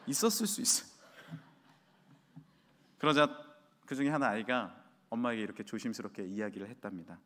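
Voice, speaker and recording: A man preaching a sermon as senior pastor, an animated storyteller who acts out the voices he quotes. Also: medium pitch. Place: church sanctuary. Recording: long reverb of a large hall.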